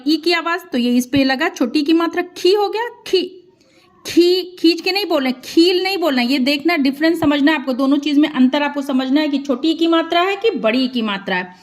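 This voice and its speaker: A woman teaching an online Hindi writing lesson, patiently repeating each sound slowly as she explains. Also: high-pitched.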